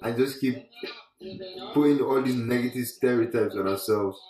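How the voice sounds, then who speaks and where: A man's voice: mid-range voice, normal speed, warm tone. A man talking casually and reflectively, making earnest points with emphatic repetition. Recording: roomy, echoey sound.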